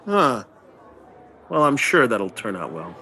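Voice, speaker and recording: A man's voice: medium pitch, big pitch swings, slow pace, pushed and bright, some chatter behind. A man playing a tabletop game, jokey and stammering as he talks in character over faint music. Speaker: player.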